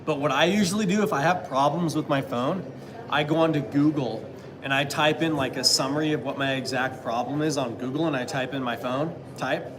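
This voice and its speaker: A man's voice: medium pitch, brisk, a crowd in the background, rough recording. A man in his thirties chatting casually on a live stream, answering viewers with rambling, hesitant talk full of fillers and restarts. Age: 30s.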